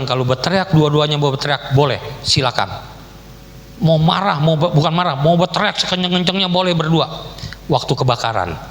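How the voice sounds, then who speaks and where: Middle-aged man, guest pastor, chatty joking sermon, long church reverb, faint hum behind. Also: mid-range voice. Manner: casual, joking, Jakarta slang. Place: church hall.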